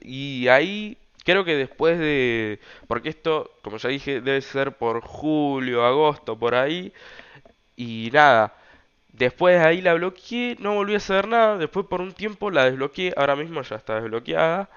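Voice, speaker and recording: Young Argentine male host, casual slangy storyteller, smooth tone, dull recording. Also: fairly high pitch, lively intonation, moderate pace, fairly bright tone. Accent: Argentine Rioplatense Spanish. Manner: rambling, loose, slangy, many fillers. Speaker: podcast host.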